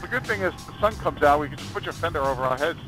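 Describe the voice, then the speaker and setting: A man's voice: fairly high pitch, animated, racing, music in the background, low-quality recording. A man riding with a group, calling out lanes and routes and ribbing the others over a helmet intercom. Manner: bossy route directions mixed with teasing. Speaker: fellow rider. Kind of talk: casual chat between riders. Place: riding a motorcycle outdoors on roads. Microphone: helmet bluetooth intercom.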